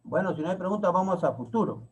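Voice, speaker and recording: A man's voice: high voice, lively intonation, breathy edge, poor audio. A man from Peru, teaching an English grammar lesson and repeating example sentences word by word. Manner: slow, repeats and spells out each word of examples.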